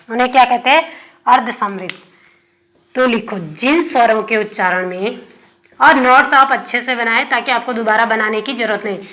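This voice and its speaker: Female teacher, bright and slightly high, drills terms with repeated questions and dictates notes slowly. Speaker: Hindi teacher. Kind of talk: exam-prep lesson.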